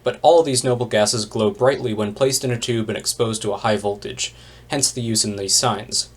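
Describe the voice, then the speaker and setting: A man's voice: fairly low pitch, steady tone, normal speed. Man narrating a chemistry lecture. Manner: plain explanatory delivery with wry asides. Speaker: chemistry instructor. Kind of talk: recorded lecture narration over slides.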